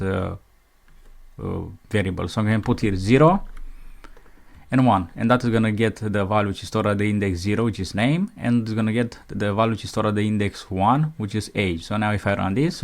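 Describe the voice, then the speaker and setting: A man's voice: fairly low pitch, gravelly. A man teaching programming in a screencast, reading out code step by step as he types it, with keyboard clicks behind him. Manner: dictates code as he types, slow and methodical. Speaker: programming instructor. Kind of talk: screencast coding tutorial.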